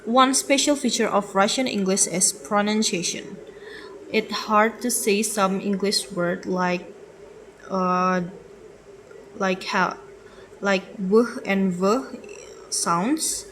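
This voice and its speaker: A young woman reads through a class slide presentation at a slow, careful pace. She hesitates often, restarting words and filling gaps with "uh". Faint noise sits under her voice. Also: mid-range voice, fairly even intonation, fairly bright tone, rough recording. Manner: hesitant, with fillers and self-corrections. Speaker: student presenter.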